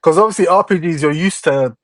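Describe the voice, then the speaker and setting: A man's voice: a little high, a little fast, a crowd in the background. A young man hosting a gaming podcast, chatting in an easygoing way with frequent chuckles. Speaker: podcast host. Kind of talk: casual chat.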